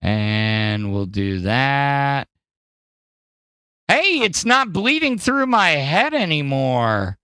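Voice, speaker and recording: A man hosting a podcast in casual, profane commentary, animated and jumping between loud outbursts and mumbles. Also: medium pitch, very slow, clean tone, dry recording. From Wisconsin. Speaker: podcast host. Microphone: studio mic in front of green screen.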